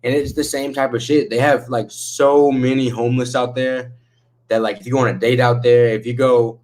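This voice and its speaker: A man's voice: mid-range voice, flat delivery, normal speed, a little mellow. A man hosting a casual chat with a laid-back stoner drawl, using slang and swearing freely. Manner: slangy, profane. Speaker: livestream host chatting with viewers.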